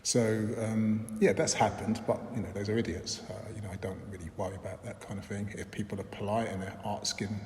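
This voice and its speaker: A London filmmaker and lecturer gives reflective interview answers in a low, darkish voice with a steady tone. He's thoughtful and measured, often saying "um" and restarting his sentences. The room adds a long, echoing reverb and a faint hiss of background noise.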